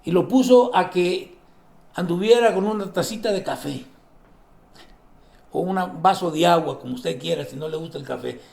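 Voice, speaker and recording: A man with a high-sitting, gravelly voice preaches a sermon at normal speed, leaving long pauses, in a roomy-sounding space. The pastor poses questions and answers them himself, acts out the people in his stories, and drops to a soft voice for asides.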